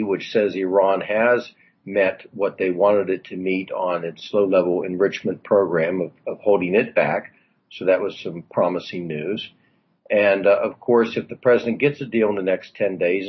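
On a political talk radio show, a man who once served in Congress discusses the news in a meandering way, full of fillers and side remarks. He speaks in a low-pitched, slightly rough voice, and the audio has its highs cut off.

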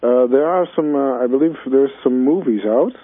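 A man's voice: mid-range voice, normal speed, husky, no room sound. A man calling in to a radio show over a phone line, speaking hesitantly with many ums and uhs. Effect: phone-line caller on a radio show. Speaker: caller. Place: calling from abroad.

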